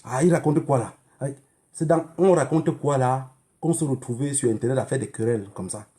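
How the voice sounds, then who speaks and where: A man's dark, mid-range voice moves fairly quickly as he addresses viewers in a political livestream. With a Cameroonian accent, this online activist scolds emphatically, leaning on repeated phrases and rhetorical questions.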